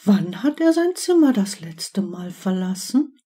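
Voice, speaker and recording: A woman voicing a dreamy, languid teenage witch who speaks slowly. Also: mid-range voice, big pitch swings, mellow, slightly rough.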